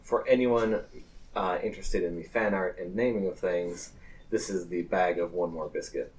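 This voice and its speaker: In an improvised tabletop game, a man serving as game master describes scenes with halting, deliberate phrasing. His voice is low and steady, and the recording is rough.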